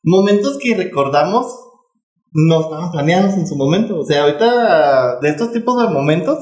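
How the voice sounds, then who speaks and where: A man's voice: fairly high pitch, expressive, normal speed, darkish tone, echoey room. A man with a Mexican Spanish accent, co-hosting a casual podcast chat and rambling with fillers and restarts. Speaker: podcast co-host.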